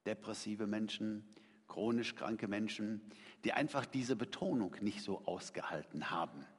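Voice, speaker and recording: Emphatic preacher in a reverberant hall. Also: male voice, lowish voice, a little slow, slightly rough. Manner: conversational, emphatic, rhetorical questions to the congregation. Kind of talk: sermon. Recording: long reverb of a large hall.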